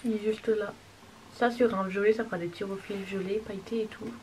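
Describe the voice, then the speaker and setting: A woman showing off a makeup haul in a casual, gushing way, sometimes dropping to a soft whisper. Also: medium pitch, fairly even intonation, brisk. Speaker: beauty vlogger. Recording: distant mic with clear background noise.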